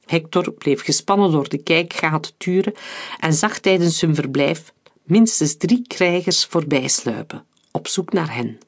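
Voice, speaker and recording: A man narrating an adventure novel as an audiobook in a calm, steady reading. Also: fairly high pitch, measured pace. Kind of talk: scripted narration.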